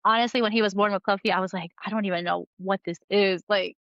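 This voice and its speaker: Rambling woman guest, smooth muffled voice. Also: mid-range voice, steady tone, fast talker, a bit bright, dry recording. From New Jersey. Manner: rambling with many fillers and laughs. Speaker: podcast guest, comic book artist. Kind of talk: casual conversational interview.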